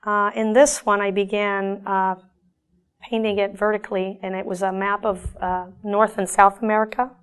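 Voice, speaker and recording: A middle-aged woman artist from Argentina, talking about her own paintings in a thoughtful, halting way with frequent restarts. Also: mid-range voice, flat delivery, clear, resonant tone.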